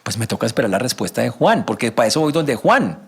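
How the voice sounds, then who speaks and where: A man preaching a sermon as a pastor, animated, asking rhetorical questions and acting out everyday conversations. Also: fast talker, breathy edge. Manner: rhetorical questions, rising to emphatic pitch.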